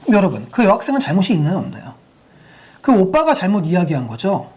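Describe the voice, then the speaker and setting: A woman's voice: on the low side, very animated, quick pace, a little mellow, breathy edge. A woman giving a sex education lecture to parents, using many rhetorical questions to the audience.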